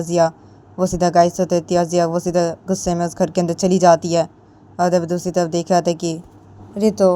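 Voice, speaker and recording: A woman's voice: lowish voice, mellow. A woman narrating a romantic story in a plain, repetitive storytelling manner.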